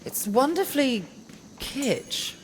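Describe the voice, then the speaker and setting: A woman's voice: extremely low pitch, a little slow, gravelly, a little mellow, slight background noise, full character voice. An actress playing a reserved, dry-witted young woman who speaks in a guarded way. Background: game music.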